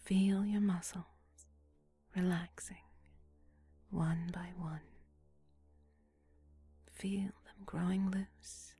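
Whispering woman, slow and breathy. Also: lowish voice, little pitch movement, faint music behind. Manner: slow, soothing, hushed. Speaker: guided relaxation narrator. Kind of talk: whispered guided relaxation script.

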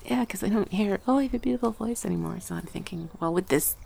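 In an ASMR roleplay, a female voice performer chats gently, drifting between soft speech and whispers, slightly congested from a cold. She talks fast at a medium pitch with vocal fry, and a faint hiss or hum is audible.

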